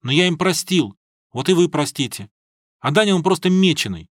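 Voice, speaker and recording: A man's voice: fairly high pitch, animated, normal speed, dry recording, clean studio sound. A man voicing a naive, earnest young male student who pleads and blurts out whatever he thinks, in an audiobook. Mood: pleading.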